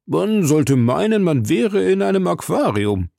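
A man's voice: mid-range voice, measured pace, creaky, darkish tone, dry recording, clean studio sound. A man reading an audiobook, voicing an earnest, pedantic servant who lectures on classification. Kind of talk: audiobook character voice.

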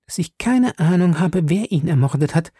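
A man's voice: a little high, lively intonation, normal speed, dark tone, slightly rough, no room sound, studio quality, pitched above the performer's own voice. A man voicing a defiant young woman in a detective audiobook, who speaks sharply and emotionally. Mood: pleading.

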